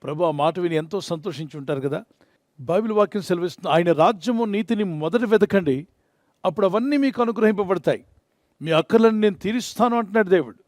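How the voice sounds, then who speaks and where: A man's voice: sits high, fast, darkish tone, dry recording, studio quality. A man preaching a sermon, earnest and pleading, who leads the listeners in prayer. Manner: earnest, pleading, mixes in English phrases.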